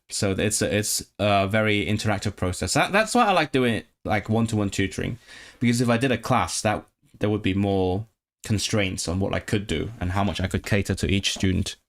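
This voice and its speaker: A young man with a lowish voice and a moderate pace streams live, chatting casually with viewers about his tutoring work. He thinks aloud hesitantly, often stopping and restarting and using plenty of fillers.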